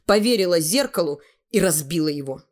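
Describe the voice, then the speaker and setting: A woman reading a literary story aloud as an audiobook, in a measured, expressive manner. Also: on the low side.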